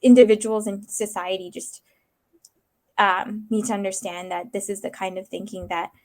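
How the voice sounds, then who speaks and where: A woman's voice: medium pitch, fairly even intonation, normal speed, a little mellow. Earnest young woman thinking aloud. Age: 20s. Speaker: interview guest. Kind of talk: casual interview.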